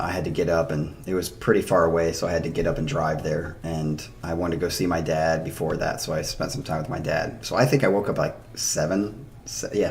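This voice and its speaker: A man in his thirties with a deep voice, hoarse from drinking, rambles loosely into a desk microphone for his live stream audience while reacting to music. He's chatty and laughs often, and there's slight background noise.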